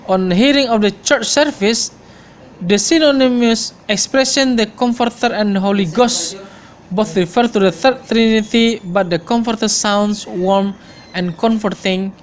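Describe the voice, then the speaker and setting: A man's voice: high voice, slow. A man giving an explanatory lecture, thinking aloud with frequent fillers and reading English passages aloud.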